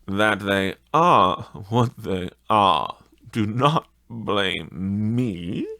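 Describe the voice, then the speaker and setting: A man's voice: on the low side, animated, drawn-out words, gravelly, pushed and bright, no echo, heavily acted. A man voicing a solemn, insistent ghostly spirit in an audiobook of a Victorian tale.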